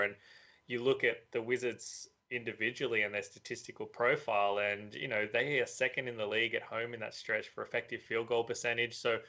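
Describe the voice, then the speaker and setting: A man talking as a sports betting analyst, giving a measured, analytical preview with frequent fillers. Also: on the low side, bright, forceful tone. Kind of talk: casual betting preview chat. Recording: dull lo-fi audio.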